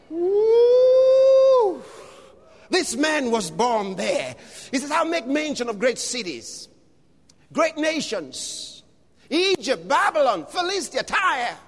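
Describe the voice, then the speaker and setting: A man preaching a fervent sermon, reading scripture aloud, calling out to the congregation and shouting refrains, at times slipping into speaking in tongues. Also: very high-pitched. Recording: long hall reverb.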